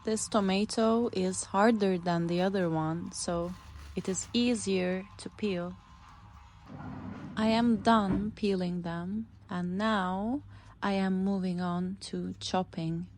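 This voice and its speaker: Slow-speaking woman. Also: medium pitch, steady tone, a little mellow, a little hiss or hum. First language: Turkish. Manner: plain, simple sentences describing each step. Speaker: English teacher narrating a cooking video. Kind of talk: slow narration for language learners.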